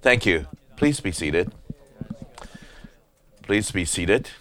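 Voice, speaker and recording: A man preaching at a conference in a meeting hall, halting often with filler sounds as he speaks. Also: deep voice, lively intonation, fairly bright tone. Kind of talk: sermon.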